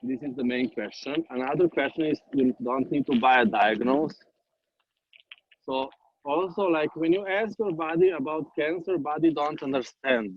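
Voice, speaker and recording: A man's voice: mid-range voice, dry recording. A man leading an online class, teaching in a repetitive, plain-spoken way with some jokes, on dull lo-fi call audio.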